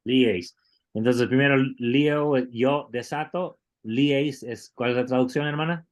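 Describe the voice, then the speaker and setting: A man's voice: medium pitch, takes it slowly. Patient man teaching Greek. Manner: patient, explains step by step with slips and restarts. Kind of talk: online class.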